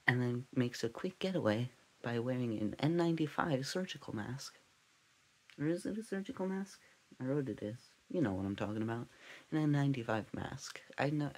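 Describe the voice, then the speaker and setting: Husky rambling man telling a mock crime story. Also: medium pitch, expressive, normal speed, rough recording. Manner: rambling, scatterbrained, goes off on tangents. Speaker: comedic podcast host. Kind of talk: deadpan parody true-crime storytelling.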